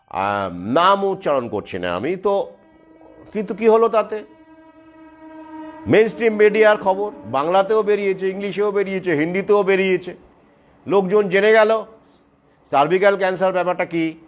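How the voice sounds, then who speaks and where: A man's voice: high-pitched, moderate pace, pauses often. A man speaking straight to his viewers in an urgent monologue, stressing his points with rhetorical questions. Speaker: video commentator.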